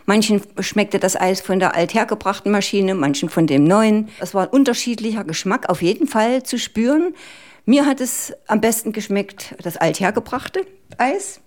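A woman's voice: medium pitch, expressive, normal speed, a little mellow. A woman hosting a radio program, asking friendly, curious questions and then giving a short spoken recap. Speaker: radio host. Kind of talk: radio interview and closing narration.

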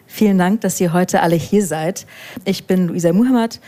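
A woman's voice: on the low side, moderate pace, very noisy. A woman from Weimar welcoming the audience and moderating a book reading in a friendly way with some fillers. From Weimar, Germany. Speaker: event moderator. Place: event venue before an audience.

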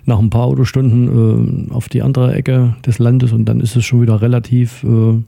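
Middle-aged male radio host, rambling with lots of fillers, very dark gravelly voice. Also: medium pitch, flat delivery, moderate pace. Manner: rambling, filler-heavy, friendly questions. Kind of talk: casual interview chat.

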